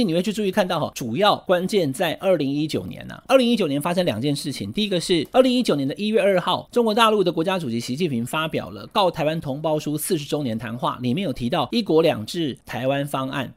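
A male political commentator from Taiwan speaks with a Taiwanese Mandarin accent. His delivery is quick and animated, and his pitch swings widely from a somewhat high center. He keeps tagging his phrases as he explains each point. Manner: animated, explanatory, ends phrases with a tag particle.

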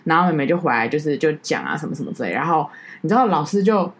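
Brief: woman podcast co-host, quick, lowish voice, lively storyteller who sinks quiet at grim moments. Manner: animated storytelling, drops low and soft on heavy moments. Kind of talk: casual chat.

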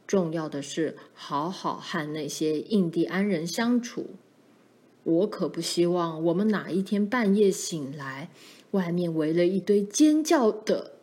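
A woman voicing a protective pioneer father who speaks firmly and gravely to his daughters. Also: lowish voice, expressive, a little slow, mellow, pitched below the performer's own voice. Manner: firm and warning, grows grave.

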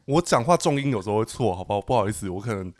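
Taiwanese mandarin guy cohosting a podcast, pitch bouncing all over when he teases, dry close sound. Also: very fast, no room sound. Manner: animated, teasing, jumps into a high pitch when joking. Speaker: podcast co-host. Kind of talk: casual chat.

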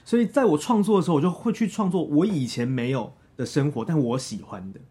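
A man's voice: a little high, fast, mellow, breathy edge. A man with a Taiwanese Mandarin accent telling his story casually as an interview guest, in a self-deprecating way. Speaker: interview guest, theatre director.

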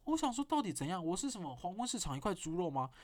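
A man with a Taiwanese Mandarin accent hosting a podcast, telling a story in a casual monologue with animated delivery and blunt swearing. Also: high voice, very fast. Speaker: podcast host.

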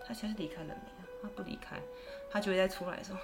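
A woman's voice: medium pitch, very fast, gravelly, loud music behind the voice. A woman, a guest telling ghost stories in casual chat and acting out the voices she quotes. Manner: animated, acts out quoted voices. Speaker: guest storyteller.

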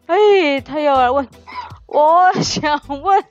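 A woman's voice: high voice, slow, dry recording. A woman voicing a playful, chatty pet dog who co-hosts a podcast and answers listener comments, with a Taiwanese Mandarin accent. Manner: playful, giggly, teasing. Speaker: podcast co-host. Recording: slightly dull audio with music bed.

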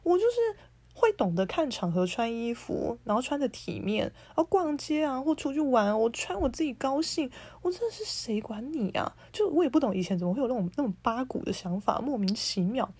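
A woman's voice: a little high, very animated, fairly quick, a little mellow, slightly rough, no room sound. Blunt, ranting woman in her thirties. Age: 30s. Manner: indignant, blunt and sarcastic ranting. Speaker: podcast host. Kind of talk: casual monologue.

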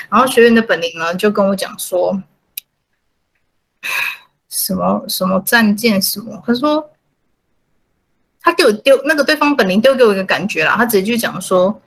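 A woman's voice: medium pitch, rough recording. A woman hosting a podcast, telling a story casually and acting out the lines of the people in it. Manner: chatty, quotes others in animated asides. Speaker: podcast host.

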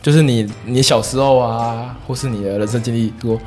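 A man who teaches whisky, explaining tasting in a casual chat, quick and quietly confident. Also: medium pitch, fairly even intonation. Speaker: whisky instructor.

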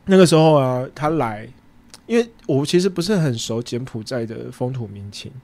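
A man with a Taiwanese Mandarin accent, hosting a podcast and casually retelling a story, acting out bits of dialogue with sudden jumps in pitch. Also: expressive, normal speed, darkish tone. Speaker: podcast host and food truck owner.

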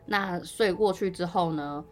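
Low-voiced woman telling a dream story. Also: unhurried, faint music behind. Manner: chatty, rambling with many fillers and restarts. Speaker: podcast co-host. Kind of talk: casual first-person storytelling.

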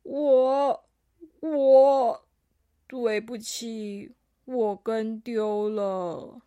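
A woman's voice: on the high side, steady tone, drawn-out words, mellow, no echo. A woman voicing a shy five-year-old alpaca boy who stammers, in a children's story. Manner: hesitant, stammering.

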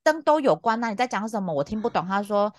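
一位三十多岁、带台湾口音的女播客主持人，闲聊时讲故事，语气激动、无奈，常常笑。. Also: female voice, quick pace, a little hiss or hum. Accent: Taiwanese Mandarin. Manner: exasperated, lively, laughs often, big pitch jumps. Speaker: podcast co-host. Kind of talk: casual chat, animated storytelling.

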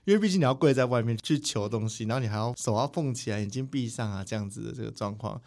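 A man, a spiritual teacher telling stories as a guest in a studio interview, animated and quick to mimic others. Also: medium pitch. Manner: animated, quick, mimics people mid-story. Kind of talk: casual interview storytelling. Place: podcast recording studio.

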